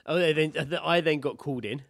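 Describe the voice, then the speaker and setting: A British man co-hosting a podcast tells anecdotes casually and swears freely, animatedly acting out what people said. His pitch is fairly high and his pace a little fast, in studio-quality audio with no room sound.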